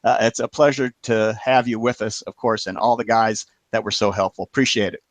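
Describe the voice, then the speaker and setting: Wrapping up his web show, a man gives faltering, filler-laden announcements and friendly thanks to panelists and the audience. His voice is on the low side with a steady tone, and the recording has no echo.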